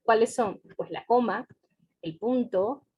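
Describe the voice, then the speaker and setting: A woman's voice: on the high side, slow pace, breathy edge, muffled recording. A woman teacher giving a recorded grammar lesson, explaining step by step and checking in with her students.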